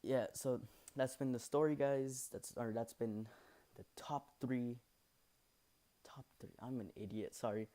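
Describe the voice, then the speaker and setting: A man's voice: medium pitch, steady tone, a little slow, warm tone. A young man telling a school story in a casual, rambling way, full of fillers and self-corrections. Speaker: channel host. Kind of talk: casual storytelling over gameplay.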